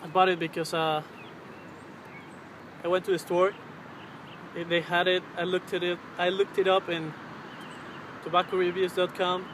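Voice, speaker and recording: A man in his twenties chatting casually to camera in a hesitant, halting way, searching for his words. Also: high-pitched, little pitch movement, a bit bright. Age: 20s. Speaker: vlogger. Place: outdoors on a riverbank under a road bridge. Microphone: camera's built-in mic at arm's length. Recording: clear outdoor traffic and ambient noise.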